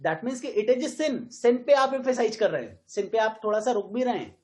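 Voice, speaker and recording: A woman's voice: on the high side, expressive, a little mellow, rough recording. Woman with an Indian accent teaching English grammar. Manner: mixes Hindi and English, slows right down to model stressed words; quizzes the students with frequent questions. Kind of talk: classroom grammar lesson.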